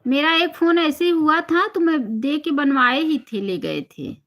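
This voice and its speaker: A woman from Uttar Pradesh with an Awadhi-flavored Hindi accent, hosting a live stream and chatting casually with viewers, greeting them by name and softly repeating blessings. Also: high-pitched, a little slow. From Uttar Pradesh, India. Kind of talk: casual live-stream chat reading comments.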